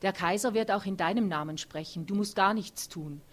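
A woman reading aloud and voicing a patient man who calms his companion, with little change from her own voice. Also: medium pitch, a little fast, close to an everyday voice. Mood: soothing. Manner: soothing, defensive.

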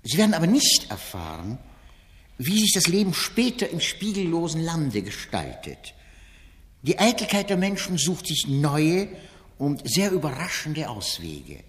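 A man giving a formal public reading, introducing a play in a measured, declamatory way. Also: on the high side, huge pitch swings. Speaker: author-style reader introducing a play. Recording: long reverberant hall.

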